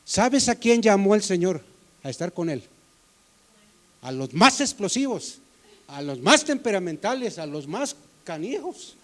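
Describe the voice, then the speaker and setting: A man's voice: high voice, very animated, measured pace, a bit bright. A man preaching a sermon in a church as the pastor, in a conversational way, often asking the congregation questions.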